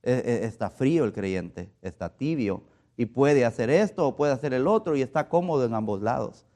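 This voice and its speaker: A man's voice: medium pitch, expressive, moderate pace, mellow. A man from Guatemala with a Guatemalan Spanish accent, giving a conversational sermon in an earnest way and often repeating words as he looks for them. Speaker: preacher.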